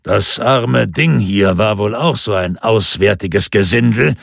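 A man voicing a tall, gruff man who speaks in a calm, dry and unbothered way. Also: on the low side, slow, no room sound, full character voice.

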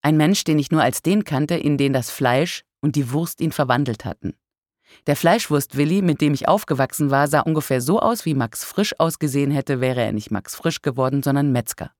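Brief: audiobook narrator, measured first-person reading, wry humor, close and dry. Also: mid-range voice, darkish tone, no room sound.

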